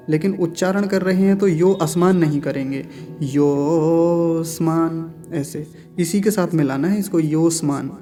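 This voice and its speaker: A man's voice: on the high side, warm tone. A man teaching Sanskrit mantra pronunciation, patiently repeating each syllable and explaining sounds carefully.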